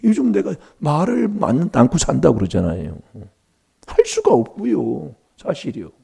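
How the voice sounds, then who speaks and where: A man's voice: fairly high pitch, wildly swooping pitch, moderate pace, gravelly, warm tone, husky. A middle-aged man preaching a sermon in a church, emphatic and prompting the congregation for replies.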